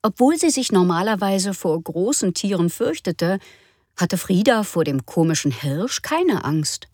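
A woman narrating a children's story in a lively, expressive way. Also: lowish voice, a little slow, dry recording, clean studio sound.

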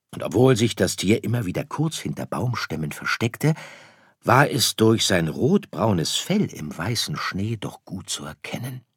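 A man reading a children's story aloud in a slow, expressive, soft-voiced way. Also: sits low, slightly rough, no room sound, studio quality. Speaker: narrator.

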